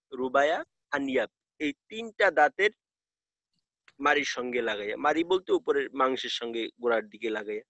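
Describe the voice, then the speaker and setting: A man's voice: sits high, fairly bright tone, dry recording. A man teaching an online class, explaining step by step and repeating key terms.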